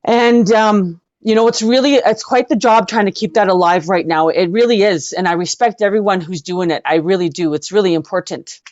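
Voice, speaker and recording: A rock singer appearing as an interview guest shares casual anecdotes with effusive emphasis, repeating herself to stress points. Her mid-range voice has a darkish tone and moves at a moderate pace with few pauses. The audio is dull and lo-fi with a roomy echo.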